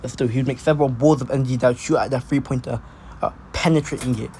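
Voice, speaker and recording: A man's voice: mid-range voice, steady tone, warm tone, a little hiss or hum. Man rambling through an unscripted story. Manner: halting, restarts and repeats phrases. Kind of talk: casual fan-fiction narration.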